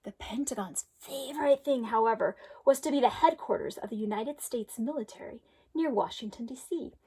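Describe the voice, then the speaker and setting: A woman reading a children's storybook aloud expressively, with deliberate, emphatic phrasing, like a teacher for pupils. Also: a little high, expressive, warm tone, slightly rough, low-quality recording.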